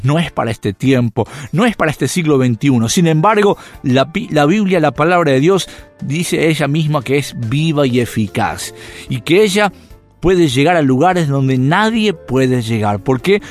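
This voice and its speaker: Animated preacher over soft music. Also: male voice, a little high, moderate pace. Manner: rhetorical questions, animated rises and drops. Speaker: radio preacher. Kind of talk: radio devotional sermon.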